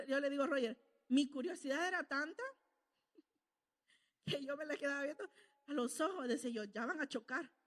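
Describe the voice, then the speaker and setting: A woman's voice: high voice, big-room sound. A woman preaching a sermon, telling stories and asking the congregation questions she answers herself. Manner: storytelling, asks the congregation questions and answers them.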